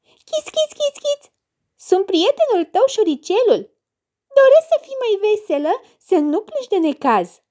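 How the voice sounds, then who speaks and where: A woman voicing a tiny, cheerful, helpful mouse in a children's story, with squeaky chirping calls. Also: very animated, warm tone. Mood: chirpy. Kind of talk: storybook character voice.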